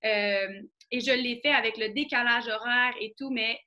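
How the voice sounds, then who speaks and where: A woman from Quebec with a Québécois accent, talking fast with lots of fillers while giving a training over a video call. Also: a little high, steady tone, dull audio. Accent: Québécois French. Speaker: guest trainer. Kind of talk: casual online training talk.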